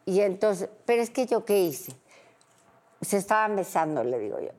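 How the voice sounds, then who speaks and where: A middle-aged woman with a Mexican accent speaks in a mid-range, sing-song voice at normal speed, a little mellow. As a brash guest in a casual panel chat, she tells stories and acts out the dialogue.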